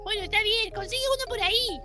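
A teasing baby girl sidekick scoffs at her friend in a tiny, squeaky, very high voice. She sounds skeptical and playful throughout. Loud children's music runs behind her. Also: fast talker. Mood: bossy. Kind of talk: Minecraft let's play.

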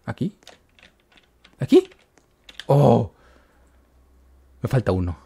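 A man giving excited gameplay commentary to his viewers, yelping and shrieking when he gets caught. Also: medium pitch, moderate pace. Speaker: gaming YouTuber.

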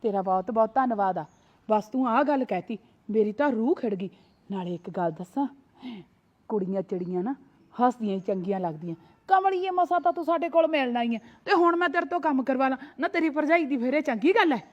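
A woman's voice: fairly high pitch, animated, a little fast, darkish tone, lo-fi sound, close to an everyday voice. A woman playing a proud young married woman who scolds her sister-in-law, full of sayings. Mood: teasing. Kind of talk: short family drama.

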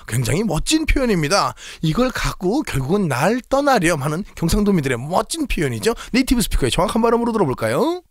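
A man's voice: sits high, big pitch swings, fast, hardly any pauses, no echo, clean studio sound. A man hosting a comedy sketch as a mock teacher of dialect phrases, exaggerated and teacherly. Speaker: comedy host. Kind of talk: mock language lesson.

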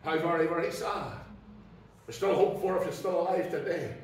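A Northern Irish man, a pastor preaching an impassioned sermon that swings from soft asides to shouted exclamations. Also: a little high, brisk, a crowd in the background. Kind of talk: fiery Pentecostal sermon. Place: church hall. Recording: very echoey hall from far off.

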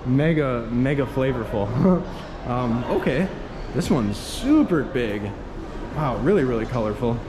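A man's voice: medium pitch, animated, measured pace. A man in his thirties vlogging casually outdoors at a temple site, upbeat and chatty, with frequent laughs, filmed on a camera at arm's length. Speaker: travel vlogger. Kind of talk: casual travel vlog. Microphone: handheld action camera at arm's length. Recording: loud outdoor background noise. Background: loud outdoor street noise.

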